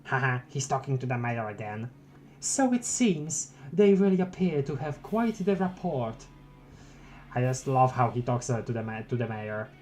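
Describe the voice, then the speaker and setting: A man's voice: mid-range voice, very animated, moderate pace, darkish tone, faint music behind. A young man streaming a live read of a webcomic, rambling and stammering as he chats with his viewers. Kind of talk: live-reading a webcomic aloud.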